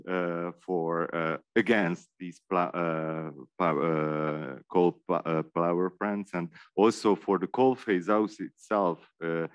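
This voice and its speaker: Slow, deep-voiced hesitant man. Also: clear, resonant tone, no echo. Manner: very hesitant, many fillers and restarts. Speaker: panel moderator. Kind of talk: unscripted remarks at a panel workshop. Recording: muffled dry sound.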